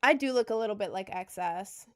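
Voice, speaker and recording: Speaking fairly quickly in a medium-pitched voice over faint background music, a young woman chats casually with livestream viewers. She's a content creator in her twenties from Maryland, USA, rambling and self-deprecating, with a light Southern American accent mixed with New York.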